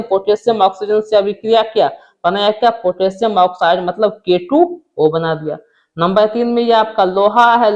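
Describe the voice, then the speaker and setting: High-voiced man teaching exam prep. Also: dull audio. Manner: asks questions and answers them himself. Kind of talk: exam-prep chemistry lesson.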